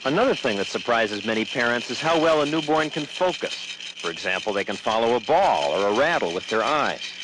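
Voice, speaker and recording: A man narrating a TV news report in a measured, explanatory way. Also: mid-range voice, lively intonation, noisy background.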